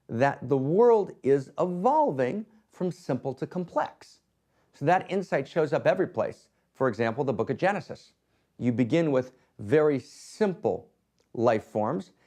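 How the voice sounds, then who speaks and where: A man's voice: on the high side, a little mellow. A man giving a spiritual teaching talk, emphatic, often tagging his points with rhetorical questions. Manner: emphatic, frequent rhetorical "right?".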